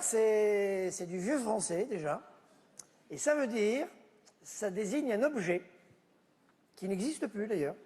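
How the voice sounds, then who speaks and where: Against a noisy background and a big-room sound, a man with a high voice acts out a stand-up sketch by himself. He squabbles sarcastically with family members who aren't visible, fighting over a board game.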